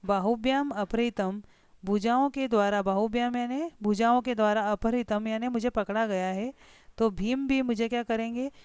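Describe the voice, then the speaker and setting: A woman teacher explaining a textbook lesson line by line, slowing down to go through each word. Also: fairly high pitch, steady tone, darkish tone, clear, resonant tone, no echo. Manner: slow deliberate word-by-word explanation.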